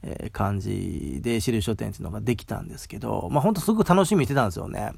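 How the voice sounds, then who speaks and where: Male host from Mie, chatty solo talk, quick and rambling, gravelly. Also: on the low side, sing-song, a little mellow, no room sound. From Mie, Japan. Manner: rambling, chatty, tags sentences with "ne". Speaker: podcast host. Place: outdoors.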